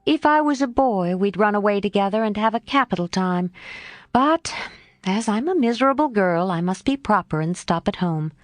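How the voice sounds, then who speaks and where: A woman reading an audiobook voicing a spirited, tomboyish teenage girl, earnest and lively. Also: mid-range voice, normal speed, no room sound, soft background music, lightly acted.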